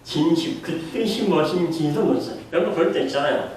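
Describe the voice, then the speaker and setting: A man's voice: on the high side, fast, darkish tone. A man delivers a sermon as a pastor, questioning his listeners and acting out the voices he quotes. He stands some way from the microphone, and his words ring through a strongly echoing hall with a faint hum of room noise underneath. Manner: asks the congregation questions and acts out quoted voices. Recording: echoey room heard from a distance.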